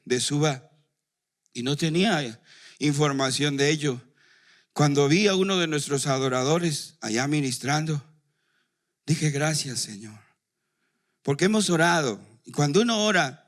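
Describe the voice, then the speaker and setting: A man's voice: on the high side, unhurried. A man preaching a sermon as pastor, who asks the congregation questions and leaves them to fill in the answers.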